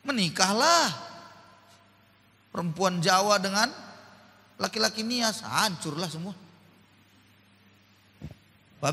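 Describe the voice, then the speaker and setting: Animated Batak-accented preacher in a hall. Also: male voice, very high voice. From North Sumatra. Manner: animated preaching, swinging from quiet asides to loud exclamations. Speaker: pastor. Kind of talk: sermon. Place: church hall. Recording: reverberant church hall.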